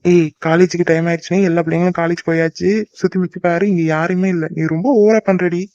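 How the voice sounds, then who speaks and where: A man's voice: high voice, little pitch movement, fast, darkish tone, clear, resonant tone, no echo, highs cut off. A young man voicing a teasing, devoted boyfriend in a cartoon, coaxing and joking. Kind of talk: cartoon voice acting.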